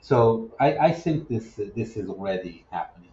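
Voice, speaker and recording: A man who works as a business development advisor, answering interview questions in a measured, explanatory way and often restarting his sentences. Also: fairly low pitch, lively intonation, dark tone, echoey room, lo-fi sound.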